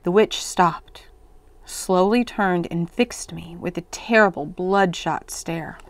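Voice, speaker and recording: A woman reading a children's story aloud in an expressive, dramatic way for a library. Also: on the low side, takes it slowly, no echo.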